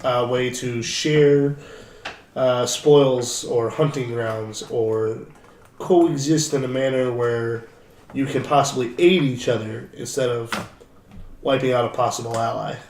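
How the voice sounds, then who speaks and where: A man's voice: mid-range voice, fairly even intonation, takes it slowly, darkish tone, recorded from a distance. A man playing a tabletop game, talking in long, winding sentences full of fillers. He sits back from the microphone. The room echo is audible around his voice. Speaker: player. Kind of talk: casual tabletop game talk. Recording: echoey, off-mic, faint noise.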